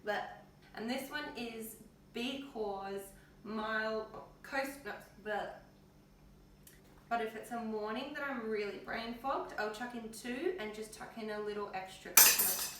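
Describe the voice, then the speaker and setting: Unhurried and fairly high-pitched with a bit of brightness, a health vlogger with an Australian accent chats in her home kitchen with open windows. She is tired and in pain, and talks in a colloquial, offhand manner. The sound is very echoey, recorded from a distance with faint noise.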